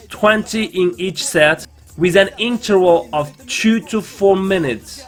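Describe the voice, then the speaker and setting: A man narrates a personal vlog in a fairly high voice with a non-native English accent. His phrasing is earnest and deliberate, and soft music plays behind him. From China. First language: not English. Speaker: vlogger. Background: background music.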